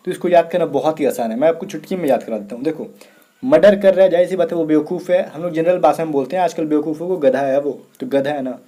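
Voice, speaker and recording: A man from India teaches an exam prep lesson, slowly spelling words out letter by letter and checking in often with his students, repeating "theek hai" again and again. His voice is on the high side with a dark tone.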